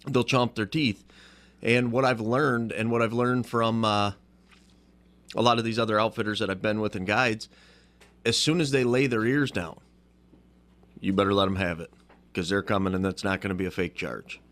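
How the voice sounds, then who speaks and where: A man with a somewhat low voice hosts a radio talk show. He talks in an easygoing way and often chimes in with a short "yeah". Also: fairly even intonation, normal speed, pauses often, a bit bright. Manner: easygoing, with frequent "yeah" backchannels.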